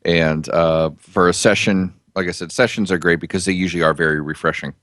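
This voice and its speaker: Man, very low voice, dry close sound, casual rambling podcast chat, easygoing. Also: fairly even intonation, brisk, a bit bright, dry recording. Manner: rambling, easygoing, self-deprecating jokes. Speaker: podcast co-host reviewing beer.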